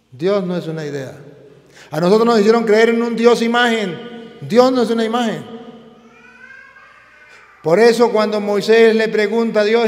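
A high-pitched male priest preaches with emphatic, repeated phrases. His words ring out through a large hall with a long reverb. He builds each point by stacking up repeated lines. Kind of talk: sermon.

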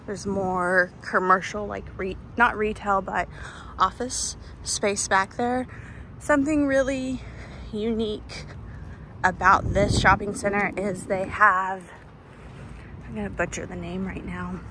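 A woman giving a casual walking tour outdoors, chatty and full of fillers, a bit tired and thirsty. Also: mid-range voice. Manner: chatty, filler-heavy, laughs often. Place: outdoor shopping center plaza. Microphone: handheld phone camera while walking. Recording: outdoor phone audio with street noise. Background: traffic and outdoor ambience.

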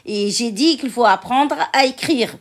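Lady teacher going slow, kinda high voice, repeats every word patiently. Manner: patient, repeats words and syllables aloud. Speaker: French teacher. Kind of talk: slow classroom instruction.

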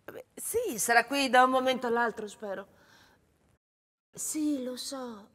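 A weary, hushed caller. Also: female voice, a little high, measured pace, in a large hall. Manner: hushed, tired phone talk. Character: weary woman on the phone, worried. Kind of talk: stage play acting. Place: theatre stage.

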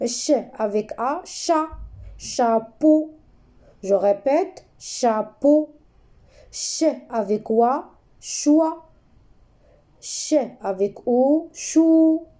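A woman's voice: high-pitched, expressive, extremely slow, dark tone. A woman giving a reading lesson, patiently drawing out each syllable and repeating every sound for her pupils. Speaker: reading teacher.

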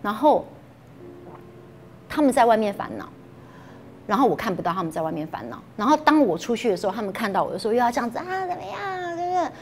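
A woman's voice: medium pitch, lively intonation, quick pace, pauses often, a little mellow, a little hiss or hum. A woman from Taiwan with a Taiwanese Mandarin accent, speaking candidly in an interview and often voicing her own harsh inner thoughts. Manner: candid, self-reproaching, quotes her own thoughts aloud. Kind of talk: emotional personal recollection.

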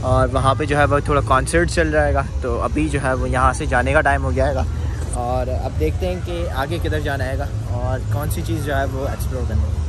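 A young man from Pakistan, chatting casually as he walks and films himself at night. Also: medium pitch. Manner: chatty, fills with "jo hai wo" constantly. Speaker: vlogger. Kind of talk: casual walking vlog. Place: outdoor city streets and beach at night. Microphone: phone held at arm's length.

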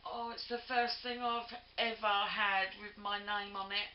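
A woman unboxing a gift on a craft vlog, gushing and effusive, with lots of breathy "oh"s. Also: mid-range voice, steady tone, a little slow, a little hiss or hum. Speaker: crafting vlogger. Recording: lo-fi home video, roomy.

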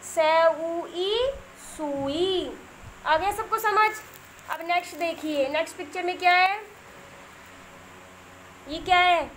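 A woman teaching young children a primary school lesson, spelling each word slowly sound by sound, asking questions and repeating the answers. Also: very high voice, a bit bright, slight background noise.

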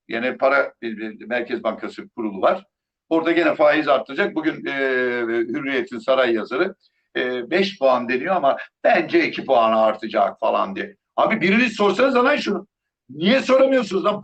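A man's voice: medium pitch, a bit bright, dull audio. A middle-aged man from Turkey giving a heated, sarcastic live political commentary, scolding and mocking as he talks.

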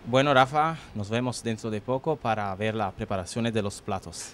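A man's voice: lowish voice, a little hiss or hum. Young Italian-born male field reporter. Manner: brisk, hands the talk back and forth. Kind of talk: on-location TV reporting. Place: restaurant kitchen, indoors. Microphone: handheld mic.

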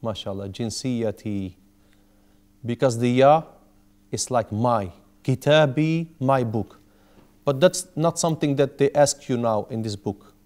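Speaking a little slowly in a mid-range, slightly mellow voice, an Arabic teacher in his thirties patiently repeats and explains each word for his language class. They are in a small indoor classroom with a whiteboard.

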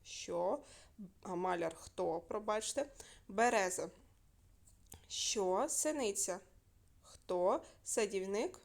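A woman's voice: mid-range voice, animated, takes it slowly, pauses often. Patient woman teaching a video lesson. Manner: clear, patient, asks questions and answers them herself. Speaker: primary school teacher.

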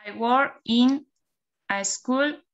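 A woman's voice: high voice, very slow, dull audio. A woman student with an Argentine accent, hesitantly reading out English answers and asking her teacher about pronunciation. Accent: Argentine Spanish. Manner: hesitant, sounds out English words, asks questions. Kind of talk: classroom practice, reading answers.

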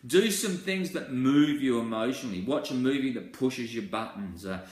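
A man in his forties teaches a small-group course, earnest and conversational, often restarting his sentences. His voice sits at a middle pitch. The room around him rings with noticeable echo. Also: normal speed, darkish tone. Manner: earnest, gestures a lot, restarts with fillers. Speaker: course presenter. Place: indoor room with wall pictures.

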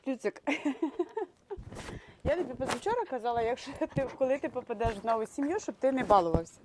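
A tearful woman from Ukraine talks in cooing baby talk to the puppies she breeds. Her voice sits high. Dogs can be heard faintly around her. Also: animated, fairly quick, noisy background. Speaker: dog breeder.

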